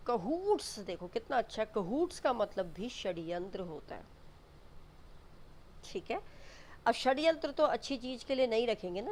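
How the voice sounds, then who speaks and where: A woman's voice: fairly high pitch, darkish tone, slight background noise. A woman teaching English vocabulary for exams, explaining each word patiently, spelling terms out and repeating them. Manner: mixes Hindi explanations with English definitions. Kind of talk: exam vocabulary lesson.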